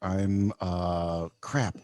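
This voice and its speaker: A man's voice: deep voice, steady tone, very slow, a little mellow. A man co-hosting a casual podcast over a remote call, joking, laughing often and putting on mock voices. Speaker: podcast co-host. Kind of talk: casual banter. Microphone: headphones, remote call.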